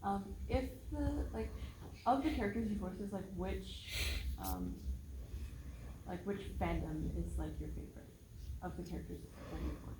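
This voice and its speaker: A woman's voice: mid-range voice, lively intonation, normal speed, long pauses. A woman in a convention audience asking a rambling, hesitant question. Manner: hesitant, rambling, many fillers. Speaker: panel audience member. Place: convention panel room. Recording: echoey hall with background noise.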